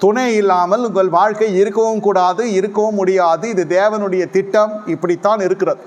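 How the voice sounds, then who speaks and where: High-voiced man preaching emphatically. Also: fairly even intonation, brisk. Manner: emphatic preaching that repeats key phrases. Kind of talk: sermon.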